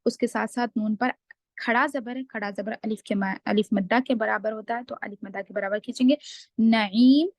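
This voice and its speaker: A woman teaching Quran recitation rules in a class, slow and deliberate, drawing out the recited words and then explaining each rule. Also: fairly high pitch, no room sound. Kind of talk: online tajweed class.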